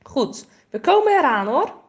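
A woman voicing a kind, friendly male forest ranger in a storybook, speaking slowly and soothingly. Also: high-pitched, very animated, voice pushed up. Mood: kindly. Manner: slow, kindly, soothing.

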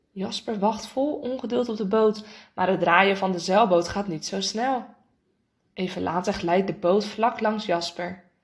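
A woman reading a children's storybook aloud in a lively way, acting out the characters' lines. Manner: lively, voices the characters' lines with raised pitch. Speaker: narrator.

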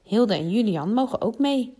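A woman with a slightly high, husky voice reads a children's Christmas story at normal speed. She's expressive and animated, switching voices for the different characters.

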